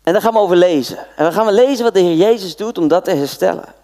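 A man from the Netherlands preaching a sermon, telling the Bible story in a lively way and acting out its dialogue. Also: high voice, fast. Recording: long hall reverb.

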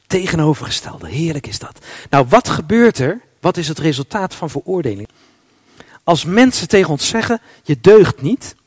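A man preaching a sermon, with a husky voice, swinging between loud emphatic lines and hushed, almost whispered ones. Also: fairly high pitch, dry recording.

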